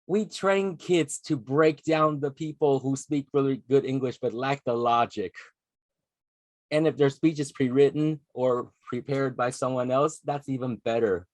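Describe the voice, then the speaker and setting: A man's voice: medium pitch, a little mellow, no echo. A man coaching debate, speaking in a blunt, emphatic way. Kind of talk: lecturing.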